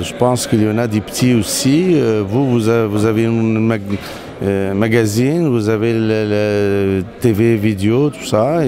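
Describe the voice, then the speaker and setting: Moroccan man, hesitant, crowd noise behind. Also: mid-range voice. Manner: hesitant, many fillers and restarts. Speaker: interviewee, company CEO. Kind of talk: casual interview conversation. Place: outdoors in a city.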